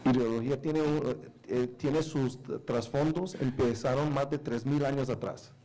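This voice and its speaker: A man's voice: mid-range voice, steady tone, normal speed, warm tone, poor audio. A man working as a consecutive interpreter at a lecture, rephrasing hesitantly as he goes.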